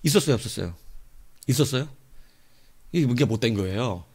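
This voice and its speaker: A male pastor preaching a sermon, telling a story with animated swings between loud outbursts and soft asides. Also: medium pitch, brisk, slightly rough.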